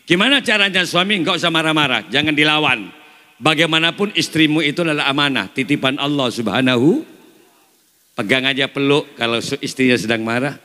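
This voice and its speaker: A man's voice: on the high side, a little fast. Man preaching in a reverberant hall. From East Java. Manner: animated, breaks into sung devotional chants. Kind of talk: lively sermon mixed with chanted prayers.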